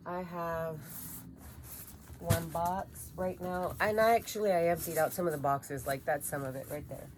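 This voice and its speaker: Low-voiced chatty woman vlogging. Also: a little hiss or hum. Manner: chatty, rambling, gushing over yarn. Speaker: crochet vlogger. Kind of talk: casual vlog chat.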